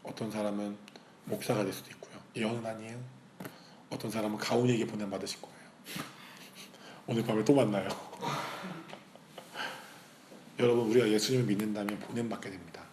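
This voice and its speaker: A man, a pastor, preaching a sermon with a personal testimony, telling the story with feeling, swinging from loud outbursts to hushed quoted lines. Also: lowish voice, steady tone, moderate pace, long pauses. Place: church hall. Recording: echoey church hall, faint ambient noise.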